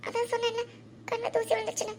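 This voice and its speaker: A woman's voice: very high-pitched, monotone, fast talker, very noisy. A woman voicing a shy, frightened young woman in a cartoon, nervous and pleading. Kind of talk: cartoon voice acting.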